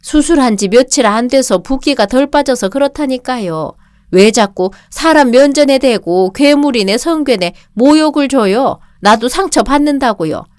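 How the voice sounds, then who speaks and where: A woman's voice: high-pitched, animated, moderate pace, a little mellow, no room sound, studio quality. A woman voicing a meek, hurt mother-in-law in her sixties in a radio drama, pleading and self-pitying. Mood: tearful.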